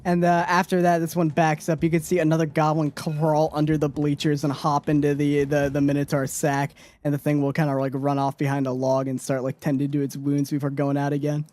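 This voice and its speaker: Guy dm describing the scene, kinda rambly, slightly high voice but flat. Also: a little fast, hardly any pauses. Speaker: game master. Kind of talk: narrating a tabletop game.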